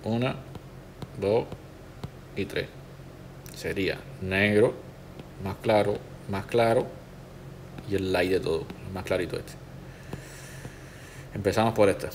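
Male tutor, lowish voice, relaxed step-by-step walkthrough. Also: takes it slowly, long pauses, a little hiss or hum. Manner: relaxed, instructive, talks the viewer through each step. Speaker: tattoo artist teaching a digital stencil technique.

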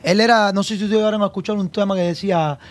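High-voiced man chatting. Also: steady tone, racing. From Cuba. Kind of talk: casual chat.

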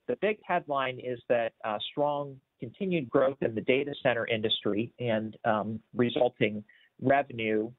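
A man presenting budget figures on a video call in a measured way, with frequent filler words and restarts. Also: mid-range voice, no room sound. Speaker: county budget official presenting at a town hall. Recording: tinny, dry video-call audio.

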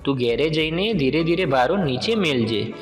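A man voicing a big, kind snake who gently reassures a girl. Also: fairly high pitch, expressive, normal speed, long reverb tail, faint music behind, lightly acted. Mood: gentle kind.

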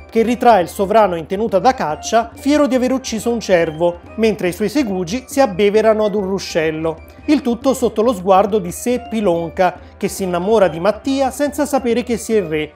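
A woman narrating a travel vlog in a calm, informative tour-guide manner. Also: mid-range voice. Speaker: travel vlogger.

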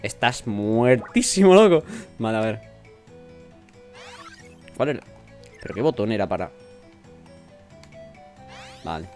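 Lively Spanish gamer with faint music behind. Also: male voice, on the low side, slow, pauses often. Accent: Spain Spanish. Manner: swears often, reads game dialogue aloud in jokey voices. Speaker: let's play gamer. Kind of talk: casual gameplay commentary. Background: faint game music.

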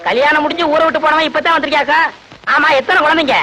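A man's voice: very high voice, steady tone, racing, pushed and bright, slight background noise, poor audio. A man acting a bumbling, cheeky village man in a film comedy scene, talking in a mocking, squabbling way. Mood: teasing. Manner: mocking, squabbling, yelps when hit. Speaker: comic actor in film scenes. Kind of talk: 1980s-90s Tamil film comedy.

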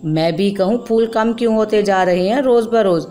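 A woman's voice: medium pitch, moderate pace, natural voice. A woman voicing an angry male gardener who speaks bitterly and raises his voice, over faint music. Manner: bitter, shouting.

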